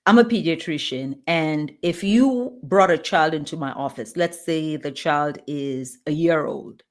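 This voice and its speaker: A woman's voice: low voice, measured pace. A woman from Nigeria, a pediatrician speaking as an interview guest about leadership, earnest and emphatic, often restarting her phrases. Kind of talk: conversational interview answers.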